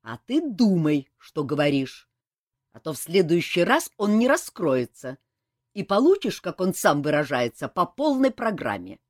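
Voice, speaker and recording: A woman's voice: on the low side, sing-song, a little slow, no echo, studio quality. A woman reading an audiobook, voicing a stern male army colonel who barks orders. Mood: lecturing. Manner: barking orders.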